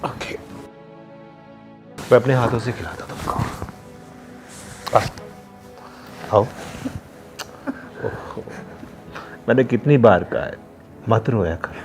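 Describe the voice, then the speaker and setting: An actor playing a man who holds his young wife captive, coaxing and softly menacing in a crime drama. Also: medium pitch, slow, pauses often, natural voice. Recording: music playing under the voice.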